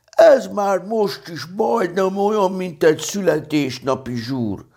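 A man reading a storybook, voicing an eager, impatient little male teddy bear who chatters excited questions. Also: high-pitched, vocal fry, breathy edge, voice pushed up, heavily acted.

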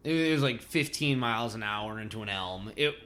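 A man's voice: lowish voice, lively intonation, fairly quick, a bit bright. A man co-hosting a podcast, giving dry, joking commentary on a horror film. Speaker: podcast co-host. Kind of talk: casual chat.

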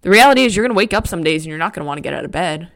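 Woman doing a real-talk motivational podcast monologue, kinda low voice, blunt and emphatic, casual. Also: expressive, racing, vocal fry, fairly bright tone. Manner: frank, emphatic, casual swearing. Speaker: podcast host.

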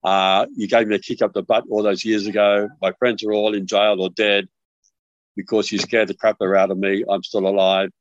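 A man's voice: lowish voice, little pitch movement, normal speed, dry recording, dull audio. An older man with an Australian accent, a podcast guest telling rambling stories with many restarts over a remote call. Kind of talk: casual remote interview.

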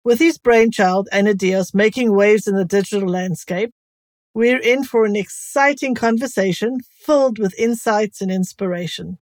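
A woman's voice: mid-range voice, normal speed, darkish tone, no echo. A woman hosting a podcast, reading a polished introduction and asking formal interview questions. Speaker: podcast host.

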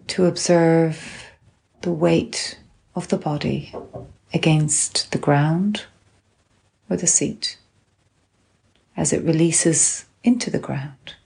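A woman instructor calmly and gently guiding a grounding exercise, unhurried, with long pauses between phrases. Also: low voice, gravelly. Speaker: guided relaxation instructor. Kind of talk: calm guided grounding exercise.

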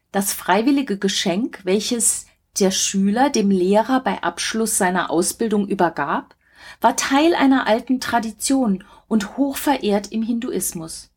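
A woman reading a mythological story aloud in a measured, dramatic narration. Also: mid-range voice, breathy edge.

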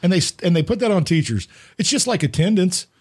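A middle-aged man hosting a casual podcast, his voice husky and breathy. His pitch swings widely as he tells stories. He acts out the people in his anecdotes. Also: sing-song, quick pace, darkish tone. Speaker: podcast host.

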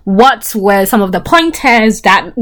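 A woman's voice: medium pitch, animated, slow pace, a bit bright. A woman with a French accent hosting a casual chat podcast, teasing and pressing her guest with questions. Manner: teasing, playfully interrogating. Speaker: podcast host.

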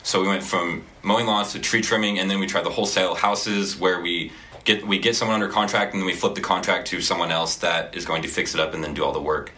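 Young Oklahoma man, student entrepreneur, deep and bright voice, easygoing explainer. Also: quick pace. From Oklahoma, USA. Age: young adult. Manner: relaxed, explanatory, with fillers. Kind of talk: casual interview answers.

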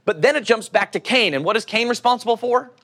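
Male preacher, middle-aged, Oklahoma accent, somewhat high voice. Conversational, teacherly delivery of scripture. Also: lively intonation, quick pace, a bit bright. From Oklahoma, United States. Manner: teacherly, asks rhetorical questions and answers them. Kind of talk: conversational sermon with scripture reading.

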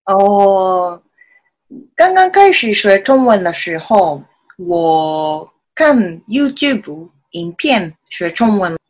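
A woman with a Japanese accent in her Mandarin speaks slowly at a medium pitch. She is a native Japanese speaker chatting as a guest, halting and repeating simple words as she puts her sentences together. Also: big pitch swings. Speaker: podcast guest, self-taught Mandarin learner. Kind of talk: casual interview chat.

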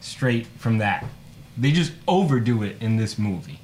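A man co-hosting a podcast, talking in a casual, animated and opinionated way, swearing now and then. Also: on the low side, measured pace, a little hiss or hum. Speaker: podcast co-host. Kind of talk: casual film discussion.

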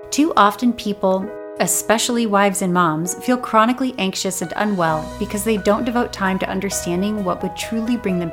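Speaking directly to her listeners, a self-help podcast host in her thirties sounds earnest, gentle and encouraging throughout. Her middle-pitched voice comes across a little raspy and dry today.

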